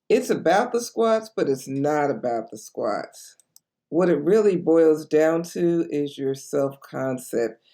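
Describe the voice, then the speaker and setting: A woman's voice: sits low, vocal fry, warm tone. A woman in her late sixties, a life coach, talking to camera in an earnest, encouraging way. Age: 60s. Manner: earnest, encouraging, slow and deliberate. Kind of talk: direct-to-camera vlog.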